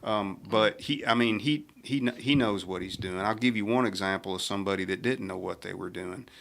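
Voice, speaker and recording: Man, middle-aged, gravelly, crisp bright tone, rambling radio storytelling. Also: lowish voice, brisk, a little hiss or hum. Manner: rambling anecdotes with restarts. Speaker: sheriff, radio show regular. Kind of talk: casual radio chat, storytelling.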